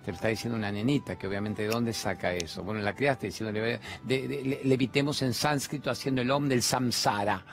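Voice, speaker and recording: A man's voice: mid-range voice, fairly even intonation, a little fast, hardly any pauses, soft background music. A man with an Argentine accent giving an impassioned spiritual monologue as a TV host, full of rhetorical questions and repeated phrases. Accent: Argentine Spanish. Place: large TV studio.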